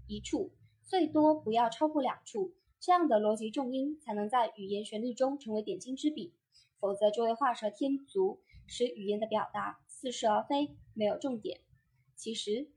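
Female voice-acting tutor with a breathy, husky tone and a somewhat high pitch. Measured, scripted lesson read. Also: warm tone. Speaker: voice-acting teacher. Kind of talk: scripted instructional narration.

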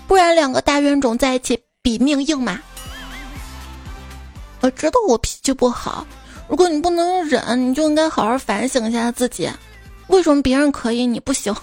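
A woman's voice: sits high, darkish tone. A woman reading funny anecdotes aloud, playfully acting out the dialogue. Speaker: joke reader.

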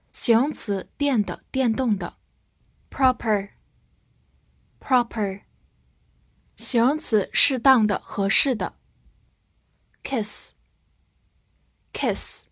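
A woman teaching a vocabulary review lesson, repeating each English word twice before giving its meanings in a slow, deliberate way. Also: medium pitch, dry recording, studio quality.

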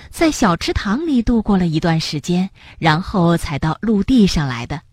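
Gentle, lively woman reading a children's story. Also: mid-range voice, husky, no echo. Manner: gentle and expressive.

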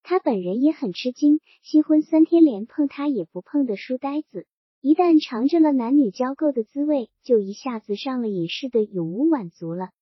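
Woman, novel reading, even storytelling, high pitch, dry close sound. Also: moderate pace, breathy edge, no echo. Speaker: audiobook reader. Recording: dry dull lo-fi recording.

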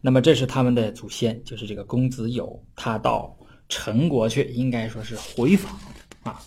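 A man giving a casual explanatory lecture on classical texts. He talks in a chatty way, often checks in with his listeners, and slows down to read old passages aloud. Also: mid-range voice, darkish tone, a little hiss or hum. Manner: chatty, often adds tag questions for listeners.

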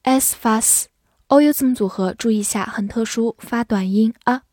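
A woman teaching English vocabulary in a clear, patient way, spelling out words and reading model sentences slowly. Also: fairly high pitch, darkish tone, dry recording, studio quality. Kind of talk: vocabulary lesson.

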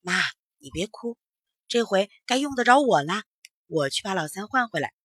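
A woman voicing a gentle, unhurried young man who speaks softly in a children's story. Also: medium pitch, big pitch swings, husky, no room sound, clean studio sound.

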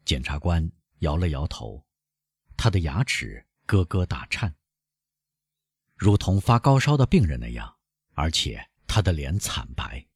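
A man narrating an audiobook in a dramatic, expressive reading. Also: very deep voice, measured pace, breathy edge, no room sound, studio quality.

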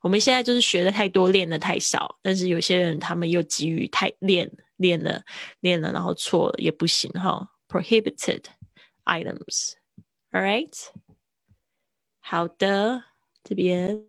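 A woman teaching English vocabulary on a livestream, mixing English words into chatty Chinese explanations and slowly drilling pronunciation. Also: fairly low pitch, gravelly, dry recording, clean studio sound. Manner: laughs easily, drawn-out word drills.

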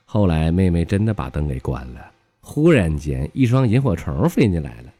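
A man's voice: normal speed, slightly rough, no echo. A man with a Northeastern Mandarin accent telling comic stories solo as host of his own show, laughing at his own jokes. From Northeast China. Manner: lively, laughing at his own jokes, jumps pitch for quoted characters.

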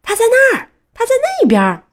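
A woman voicing a goofy, cheerful male tow truck from a storybook, excited and shouting. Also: sits high, normal speed, slightly rough, pitched above the performer's own voice, full character voice.

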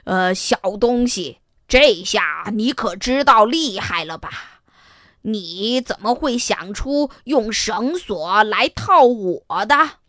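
A woman voicing a big, boastful male buffalo who taunts loudly and bossily. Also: mid-range voice, animated, slow, no room sound, studio quality. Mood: mocking. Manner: loud, taunting, bossy.

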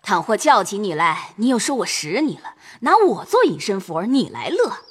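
A woman playing a husky scolding old maidservant. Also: big pitch swings. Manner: shrill, fast scolding. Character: scolding old female servant, stubborn and quarrelsome. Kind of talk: audio drama acting.

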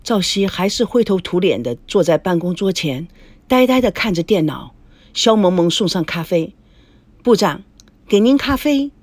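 Expressive woman reading a novel aloud. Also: lowish voice, normal speed, slight background noise. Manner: storytelling, expressive. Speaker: narrator.

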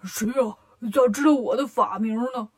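A woman's voice: on the high side, normal speed, a little mellow, close to an everyday voice. A woman voicing a greedy, clumsy pig-man monk who whines and scares easily, in a children's storybook reading. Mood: scared. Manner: whiny, bold, easily scared.

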